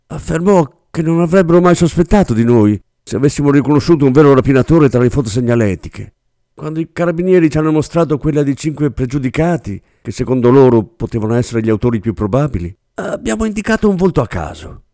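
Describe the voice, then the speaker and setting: A scared young clerk talks in a high, strained voice, rushing his words, as a man puts him on. The delivery swings widely in pitch. It sounds close and dry, with no room around it. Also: lively intonation, dark tone, no room sound, natural voice. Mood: frightened, pleading.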